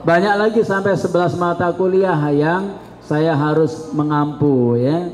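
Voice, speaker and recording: A man in his fifties, an Islamic studies lecturer from South Sumatra, talking to students in a slow, chatty, joking way. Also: a little high, steady tone. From South Sumatra, Indonesia. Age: 50s. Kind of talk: classroom talk to students. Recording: reverberant hall with faint background noise.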